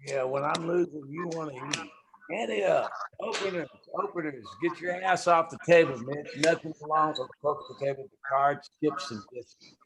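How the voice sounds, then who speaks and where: Man playing a gruff poker gambler, noisy recording. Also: on the high side, moderate pace, natural voice. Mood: bossy, irritated. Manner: curt, barking orders at the card table. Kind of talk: stage play acting over a remote reading.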